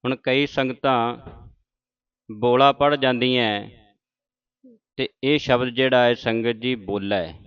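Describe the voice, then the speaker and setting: A man with a Punjabi accent teaching pronunciation of scripture, chanting lines slowly and correcting each word, addressing listeners as the congregation. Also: mid-range voice, steady tone, clear, resonant tone, no echo, lo-fi sound. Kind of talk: religious pronunciation lesson.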